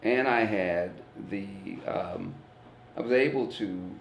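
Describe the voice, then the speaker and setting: A man's voice: fairly low pitch, takes it slowly, a little hiss or hum. A man from East St. Louis, Illinois, a guest comedian talking earnestly and plainly in a casual reflective conversation. He swears casually and repeats words while thinking. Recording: roomy echo.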